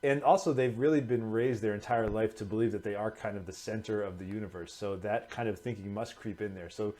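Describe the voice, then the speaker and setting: A man co-hosting a casual discussion about building a tabletop character, thinking aloud and pitching ideas. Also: steady tone, fairly quick, darkish tone. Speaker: co-host.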